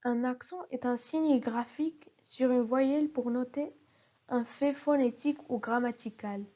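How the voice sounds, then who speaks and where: Slow, careful woman teaching spelling. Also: high-pitched, mellow. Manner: careful, spelling out example words syllable by syllable. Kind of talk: recorded grammar lesson. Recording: dull lo-fi recording.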